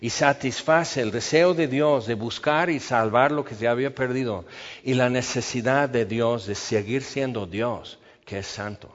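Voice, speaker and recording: Male preacher, measured teaching sermon, average pitch, recorded with long reverb and muffled highs. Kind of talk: expository Bible sermon. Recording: long reverb, dull lo-fi sound.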